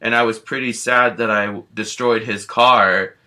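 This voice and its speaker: A big, gentle grizzly bear who scares easily, voiced by a man rambles through a first-person storytime and leans on fillers constantly. His voice sits fairly low but rings bright and forceful. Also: steady tone, a little slow. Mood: rambling wistful.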